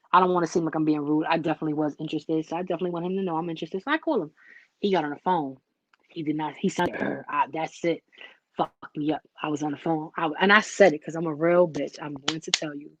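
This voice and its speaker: A woman chatting casually into the camera, telling an animated story full of "like" and asides. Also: low-pitched, dry recording, low-quality recording. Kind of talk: casual vlog chat.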